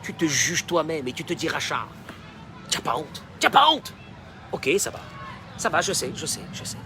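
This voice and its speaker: A man preaching a sermon as a rabbi, dropping in Hebrew phrases and swinging from quiet talk to shouting. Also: on the high side, normal speed. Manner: mixes Hebrew phrases into his speech.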